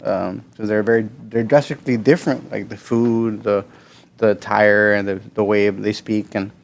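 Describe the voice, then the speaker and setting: A man in his thirties from South Texas, a podcast guest telling his story in a relaxed, rambling way with lots of fillers. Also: fairly low pitch, moderate pace, gravelly. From South Texas, USA. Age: 30s. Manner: relaxed, laid-back, many fillers and restarts. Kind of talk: casual conversational storytelling.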